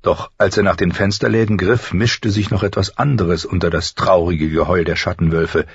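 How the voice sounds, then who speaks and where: Deep, husky male audiobook narrator. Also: fairly even intonation, normal speed, no echo, dull audio.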